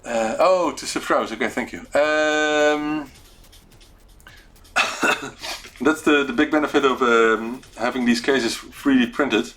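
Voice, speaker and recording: A man's voice: mid-range voice, takes it slowly, long pauses, fairly bright tone, soft background music. A man with a Dutch accent hosting an unscripted livestream chat, hesitant and searching for words as he talks. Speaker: host of a weekly retro computing live show.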